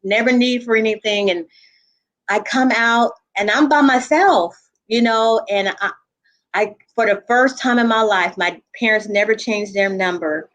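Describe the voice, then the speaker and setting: Woman telling a painful memory haltingly. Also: a little high, a bit bright. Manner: halting, with restarts and frequent "you know"; earnest, reliving a painful memory. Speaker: panel guest. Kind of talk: personal storytelling in a group chat.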